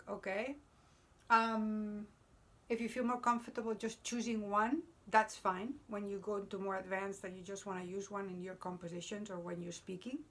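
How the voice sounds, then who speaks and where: Indoors beside a whiteboard, a Spanish teacher patiently explains a grammar lesson, checking in with "okay?" after each point. Her voice is mid-range and a bit bright.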